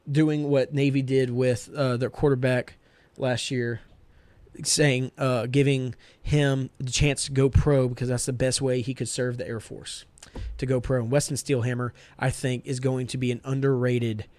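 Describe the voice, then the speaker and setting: A man's voice: medium pitch, a little mellow, dry recording. A man co-hosting a casual sports podcast, making confident, upbeat picks and talking through players. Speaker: podcast co-host.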